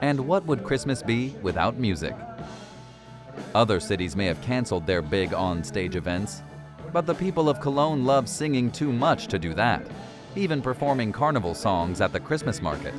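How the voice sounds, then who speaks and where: A man's voice: medium pitch, big pitch swings, moderate pace. A man reading scripted narration as a voice-over for a travel documentary. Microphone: studio voice-over. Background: background music.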